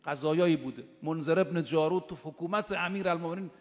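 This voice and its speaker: A man preaches a religious sermon with a fairly high voice, building to emphatic, forceful peaks. The recording is dull and muffled, with a long echo from a large hall. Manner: impassioned, rising to emphatic peaks. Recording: dull sound in a reverberant hall.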